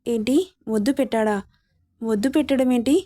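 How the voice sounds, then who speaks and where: A man's voice: very high voice, steady tone, brisk, dark tone. A woman voicing a nervous young man, a loyal friend and brother, who talks in a flustered, pleading way. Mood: worried.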